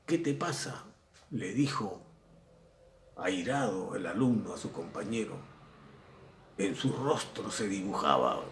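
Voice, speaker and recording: Recorded in an echoey room with a little hiss or hum, this middle-aged secondary school language teacher from Peru has a mid-range voice with vocal fry. He speaks with a Peruvian Spanish accent, chatting through the lesson, repeating points and acting out examples.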